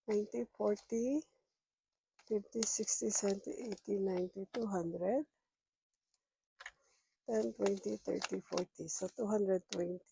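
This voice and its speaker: A woman's voice: mid-range voice, steady tone, measured pace, creaky, pauses often, mellow, a little hiss or hum, low-quality recording. A middle-aged woman who is sick, vlogging about her budget and murmuring as she counts cash aloud, half to herself. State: sick, rough voice. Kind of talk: casual counting-along vlog.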